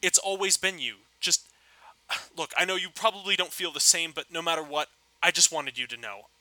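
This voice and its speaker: A lovesick man, read by a man stumbles through a confession to a former sweetheart. The voice is bright and forceful, recorded dry and close. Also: a little high, no room sound, rough recording. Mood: pleading. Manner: desperate, halting confession.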